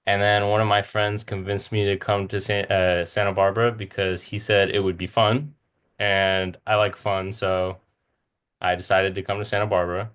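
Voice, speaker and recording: A man in his twenties from Southern California, with a Californian American accent, gives an informal slide presentation as a student speaker and medical school applicant, poking fun at himself along the way. His voice is lowish and smooth with a fairly bright tone, little pitch movement, and a moderate pace.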